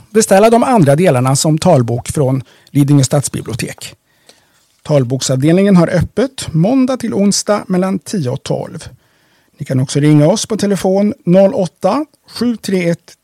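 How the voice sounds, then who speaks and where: A man reading library audiobook tips from a script in a measured, steady way. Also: on the high side, no echo, clean studio sound.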